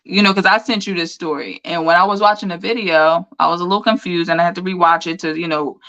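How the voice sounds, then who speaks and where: Bright-voiced woman telling animated stories. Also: lowish voice, fast talker, highs cut off. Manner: animated storytelling with lots of fillers. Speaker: podcast co-host. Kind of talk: casual livestream chat.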